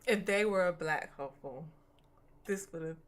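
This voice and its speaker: A woman co-hosting a casual political talk show, agreeing with quick interjections. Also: on the low side.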